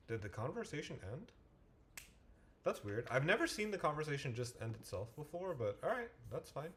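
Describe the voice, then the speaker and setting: Halting, animated man thinking aloud. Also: mid-range voice, gravelly, slight background noise. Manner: halting, frequent restarts and self-corrections; muttering to himself while waiting on the screen. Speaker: math tutor and streamer. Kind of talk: casual livestream talk, thinking aloud.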